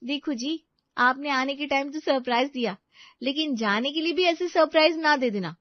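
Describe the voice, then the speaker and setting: A woman doing an excitable, emotional young bride. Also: high-pitched, moderate pace, no room sound, voice pushed up, close to an everyday voice. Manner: shy, excitable, tearful. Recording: dry, slightly dull lo-fi audio.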